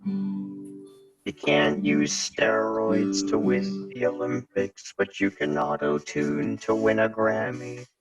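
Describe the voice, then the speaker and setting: A man talking on a video call through an auto-tune voice changer that morphs his voice, joking deadpan. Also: takes it slowly, lo-fi sound, over loud music. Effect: auto-tune voice changer, morphing pitchy voice. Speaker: call participant. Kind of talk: casual video-call chat. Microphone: computer mic on a video call.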